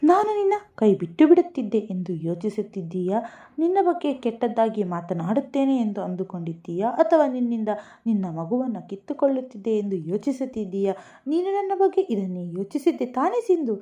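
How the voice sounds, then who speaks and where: A woman's voice: a little high, sing-song, fairly quick, warm tone. A woman voicing a heartbroken young man who pleads with a choked, tearful voice. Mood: pleading. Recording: dull lo-fi recording.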